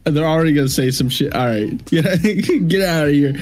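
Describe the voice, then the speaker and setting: A young streamer and rapper from Washington State in the US joins a video call as a guest for a casual chat, swearing freely and laughing a lot. His voice sits on the high side with a darkish tone at a normal speed, and faint music plays behind him.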